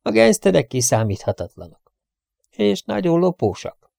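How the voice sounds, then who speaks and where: A man's voice: fairly high pitch, very animated, creaky, warm tone, dry recording, pitched above the performer's own voice, heavily acted. A man voicing a strict, nagging older housekeeper who scolds her absent-minded employer. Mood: scolding. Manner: scolding, prim and indignant.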